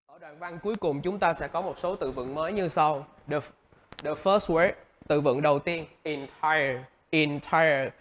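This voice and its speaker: A man's voice: a little high, unhurried, a bit bright. A male English teacher with a Vietnamese accent teaching vocabulary, repeating each word several times and stressing its syllables. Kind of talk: vocabulary lesson.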